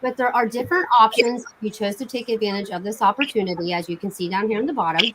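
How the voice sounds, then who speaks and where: Woman, medium pitch, informal sales host, chatty and enthusiastic, casual live-stream pitch, noisy home recording. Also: quick pace. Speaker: cosmetics sales consultant hosting online bingo night.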